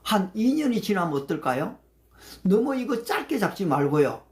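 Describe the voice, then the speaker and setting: A man's voice: high voice, big pitch swings, moderate pace. A man as a pastor preaching conversationally on a livestream, asking his listeners questions and mixing in English scripture. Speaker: pastor leading a livestream prayer meeting. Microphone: phone livestream mic.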